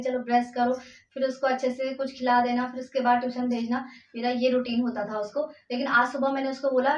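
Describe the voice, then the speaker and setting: A woman's voice: sits high, darkish tone. A woman vlogger and mother telling a personal story at home, emotional and rambling, with many fillers and restarts. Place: room at home. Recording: echoey, distant, dull lo-fi sound.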